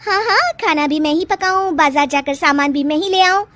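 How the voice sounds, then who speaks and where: A woman voicing a feisty young wife in a cartoon story who talks back with indignant, quick retorts. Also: high voice, a bit bright, dry recording, pitched above the performer's own voice. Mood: defiant.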